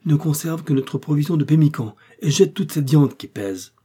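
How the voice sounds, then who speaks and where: A man reading an audiobook, voicing an eager, loyal young male servant with a cheerful, excited manner. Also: on the high side, normal speed, husky, voice pushed up.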